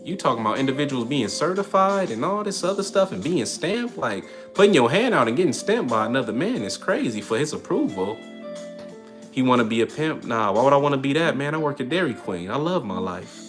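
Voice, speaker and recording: Animated streetwise man on a livestream. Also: mid-range voice, fairly quick, faint music behind. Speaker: livestream host. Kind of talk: casual livestream talk answering chat.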